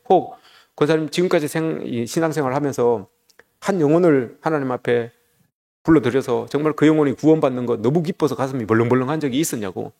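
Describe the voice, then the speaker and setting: A man's voice: mid-range voice, darkish tone, lightly acted. A man voicing an earnest, questioning country pastor in a sermon story.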